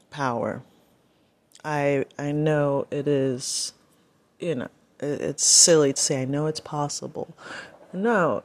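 A woman rambling through a casual personal vlog, talking to herself and breaking off now and then. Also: low-pitched. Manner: rambling, self-talking, talks to her baby in between. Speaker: vlogger.

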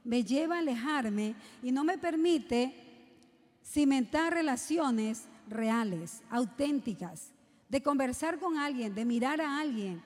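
High-voiced woman preaching. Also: expressive, slow pace. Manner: rhetorical questions to the congregation. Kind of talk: sermon to young people. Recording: long hall reverb.

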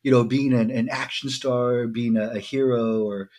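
A man's voice: medium pitch, fairly even intonation, normal speed, a little mellow. A man speaking as a podcast guest, explaining his ideas thoughtfully, with frequent ums and easy laughs. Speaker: guest, sport psychologist. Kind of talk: casual chat, explaining.

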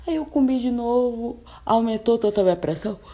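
A woman in her twenties telling a story in a casual, animated way, laughing often and acting out both sides of the talk. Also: on the high side, brisk. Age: 20s. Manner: animated, laughing, quotes herself and her date. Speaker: storyteller recounting a bad date.

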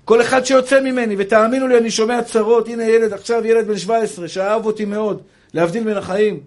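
A man's voice: sits high, steady tone, darkish tone. A young man, a rabbi, preaching with passion and repeatedly calling his listeners brother. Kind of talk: sermon.

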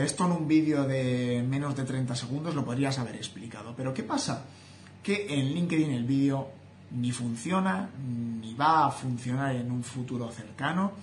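A man's voice: mid-range voice, slight background noise. A young man with a Spain Spanish accent, giving an opinionated casual vlog monologue as a social media creator, speaking straight to his viewers. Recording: roomy echo, faint ambience.

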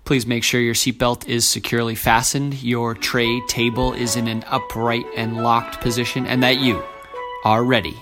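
A male podcast host playing an airline captain who reads a pre-flight announcement over a cabin intercom. He speaks slowly in a measured announcer tone. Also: mid-range voice, flat delivery, music in the background. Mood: formal, deadpan. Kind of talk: mock pre-flight announcement as a show opener.

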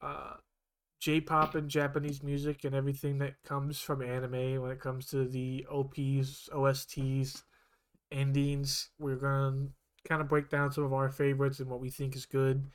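A male podcast co-host with a clean, mid-range voice talks at a normal speed. His casual chatter rambles along, full of restarts and self-corrections, yet his delivery remains even.

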